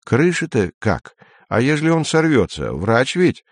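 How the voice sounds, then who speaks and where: A man's voice: medium pitch, sing-song, a little slow, dry recording, voice pushed up. A man voicing a bewildered rustic man with folksy, dumbfounded talk in a dry recording.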